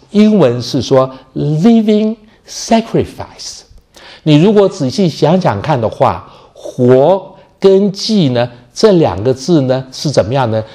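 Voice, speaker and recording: A man preaching with a warm, mellow tone and a lively, rising-and-falling delivery. He asks his listeners questions and then answers them himself. He stretches out the key phrases he wants to stress. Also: mid-range voice. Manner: opens sentences with a habitual filler word. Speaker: pastor. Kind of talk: sermon.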